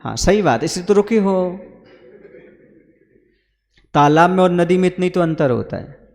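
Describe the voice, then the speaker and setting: A Jain monk giving a sermon to a gathering, calling listeners brothers and putting questions to them. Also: male voice, high voice, lively intonation, unhurried, a little mellow, in a large hall.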